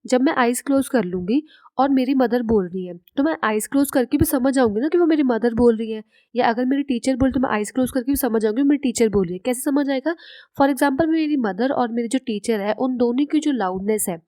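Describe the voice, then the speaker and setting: A woman teaching a science class, her voice pitched a little high and mellow. She poses questions and answers them herself as she explains. The sound is dry and close, with no room echo. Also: fairly quick. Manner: mixes English terms into Hindi. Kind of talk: classroom lecture.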